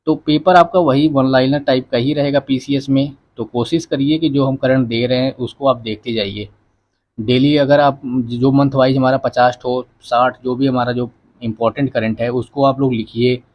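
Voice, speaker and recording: A man's voice: mid-range voice, fairly even intonation, moderate pace. Man teaching exam prep, muffled audio. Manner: conversational, advising students directly. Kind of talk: casual spoken lecture.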